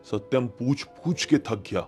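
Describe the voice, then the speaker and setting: Here the horror-channel host talks at a measured pace, his medium-pitched voice carrying a darkish tone. Music sits behind his conversational, suspense-building narration, and he repeats phrases to drive points home.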